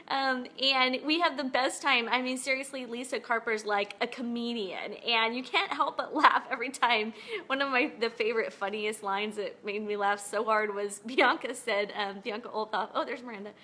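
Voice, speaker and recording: A woman's voice: on the high side, normal speed, sharp tone. A woman chatting in a casual video diary at home, just woken up, upbeat and laughing often. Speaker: vlogger.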